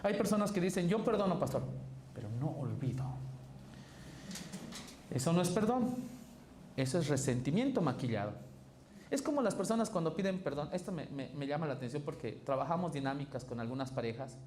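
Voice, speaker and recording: Male pastor, emphatic sermon delivery, warm mellow tone, roomy church sound. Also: sing-song, quick pace. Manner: emphatic preaching with big pitch swings and quoted dialogue. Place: church sanctuary. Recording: echoey church hall with faint noise.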